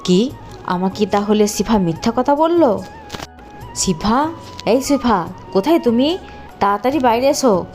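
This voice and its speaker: Woman voicing a mellow-toned loving father. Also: fairly high pitch, animated, measured pace, pauses often. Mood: angry. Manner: pleading, then stern and threatening. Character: loving middle-aged village father. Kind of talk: cartoon voice acting. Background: faint background music.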